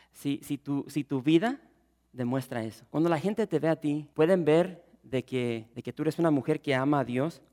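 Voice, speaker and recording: A man's voice: fairly high pitch, big-room sound. A male pastor preaching an expository sermon who speaks straight to his congregation.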